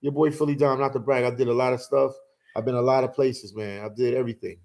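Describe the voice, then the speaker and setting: On a casual livestream, a Philadelphia host in his forties reminisces and tells stories at an easy, unhurried pace, peppering his loose talk with "man" and "you know." His voice sits at medium pitch with some vocal fry.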